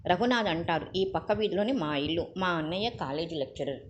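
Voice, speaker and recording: A woman's voice: on the low side, fairly quick, a little hiss or hum, natural voice. A woman voicing an indignant young male doctor who sternly questions others, on a muffled recording.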